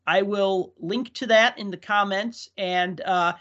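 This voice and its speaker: A man's voice: sits high, steady tone, takes it slowly, fairly bright tone. A man hosting a casual podcast chat who tells stories with enthusiasm and laughs along with them. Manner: chatty storyteller, laughs at his own stories. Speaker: podcast host. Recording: dull lo-fi audio.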